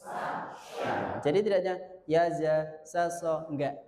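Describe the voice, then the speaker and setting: Slow, reverberant male trainer. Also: a little high, expressive, a little mellow. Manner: drills Arabic letter sounds aloud, casual joking asides. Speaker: Quran reading trainer. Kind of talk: seminar lecture with pronunciation drills. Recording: echoey hall with long reverb.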